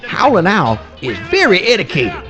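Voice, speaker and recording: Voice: mid-range voice, huge pitch swings, moderate pace, music in the background. An actor voicing a mild-mannered male possum in folksy swamp dialect with mangled grammar, in a live radio play. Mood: folksy narrating.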